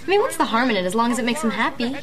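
A woman's voice: on the high side, sing-song, racing, crowd noise. An actress playing an upbeat, loyal, persuasive teenage girl in a sitcom. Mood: defensive. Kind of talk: sitcom acting. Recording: noisy studio audience ambience.

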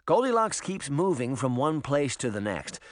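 A man's voice: mid-range voice, sing-song, moderate pace, dry recording, clean studio sound, natural voice. A man reading the lines of a casual, easygoing uncle in an audiobook. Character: relaxed easygoing uncle, middle-aged man.

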